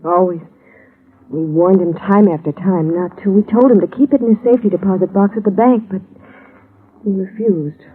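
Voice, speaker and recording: In a 1950s radio drama, a young adult actress plays a grieving, polite young woman, somberly recounting events in an earnest, subdued way. Her mid-range voice is close to everyday speech at a normal speed, heard through a muffled, tinny old radio recording.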